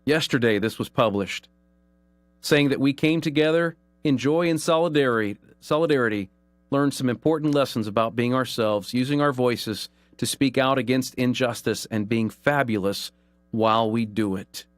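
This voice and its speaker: A man's voice: mid-range voice, no echo. Earnest male talk radio host. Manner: earnest, emphatic, slows down to stress key phrases. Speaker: radio call-in show host. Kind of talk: talk radio commentary, reading headlines.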